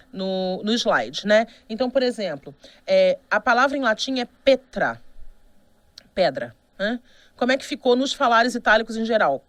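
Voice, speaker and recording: A woman's voice: a little high, no room sound. A Brazilian woman with a Brazilian Portuguese accent giving a university lecture, explaining patiently and checking in with "né?" as she goes. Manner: explanatory, with frequent "né?" checks and restarts. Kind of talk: recorded online lecture.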